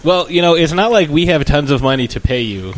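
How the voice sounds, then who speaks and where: A man's voice: a little high, lively intonation, brisk, rough recording. A man hosting a podcast with rambling, dry joking introductions and casual comic banter. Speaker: podcast host.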